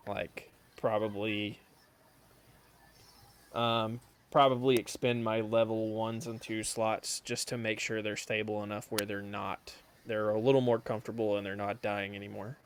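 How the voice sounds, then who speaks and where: A man's voice: fairly low pitch, flat delivery, unhurried, smooth. A man playing a tabletop game, chatting casually and rambling with fillers. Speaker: player.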